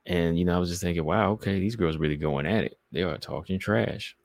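A man's voice: sits low, brisk, a little mellow, dry recording. A man from the American South with a Southeastern accent, hosting a casual livestream and rambling loosely as he reads chat comments aloud. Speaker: podcast host reading live chat.

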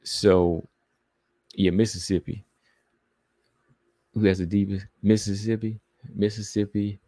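A deep-voiced man with a Southeastern American accent talks loosely on a casual livestream, reading chat comments and rambling between them. His voice sits very low, and the recording is dry and close, with no room sound. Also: level tone, measured pace, warm tone, dry recording. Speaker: podcast host reading live chat.

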